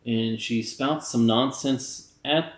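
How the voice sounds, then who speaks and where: A man in an echoey room gives a casual movie review. He sounds tipsy and rambles loosely, with a mid-pitched voice. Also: fairly even intonation, slow.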